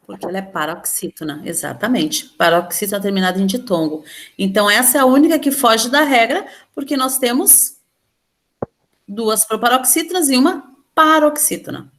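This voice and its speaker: A woman's voice: a little high, expressive, moderate pace, a bit bright, slight background noise. A woman teacher with a Brazilian Portuguese accent, patiently explaining a grammar lesson step by step and questioning her students. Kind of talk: online class lesson.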